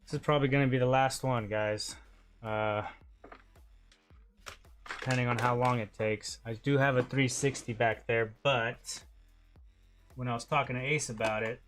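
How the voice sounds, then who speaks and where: A man's voice: medium pitch, fairly even intonation, normal speed, pauses often, fairly bright tone, faint music behind. A man hosting a console repair stream, chatting casually and muttering to himself while he works, with casual swearing. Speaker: repair channel host.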